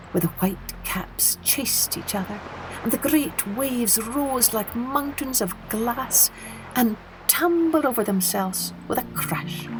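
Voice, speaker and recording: In a mid-range voice, a woman storyteller reads a children's tale with expression, stretching her phrases gently and slipping into a breathy whisper at moments.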